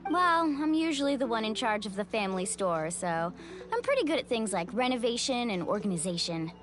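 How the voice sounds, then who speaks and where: A cheerful game shopkeeper. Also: female voice, on the high side, brisk. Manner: bright, friendly, energetic. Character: upbeat young woman, cheerful shopkeeper. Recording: game voice with music behind.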